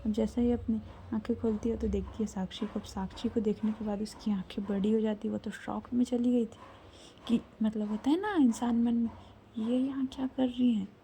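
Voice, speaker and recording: A woman narrates a serialized romance in a hushed, half-whispered way. Her voice is deep in tone and very mellow, with a gravelly grain running under the words. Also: fairly even intonation, fairly quick, a little hiss or hum, low-quality recording. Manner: soft, often half-whispered storytelling. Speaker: storyteller. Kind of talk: serialized love story narration.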